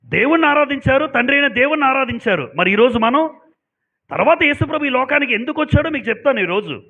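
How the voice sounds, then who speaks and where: A man's voice: very high voice, lively intonation, fast talker. A man preaching a sermon to a congregation, emphatic and asking them pointed questions. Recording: dull lo-fi sound.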